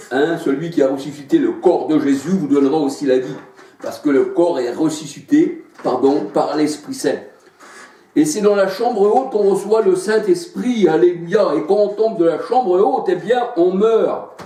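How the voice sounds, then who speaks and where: A man preaching a sermon, halting as he searches for Bible verses and dropping in frequent hallelujahs. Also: a little high, warm tone. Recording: echoey room, voice far from mic.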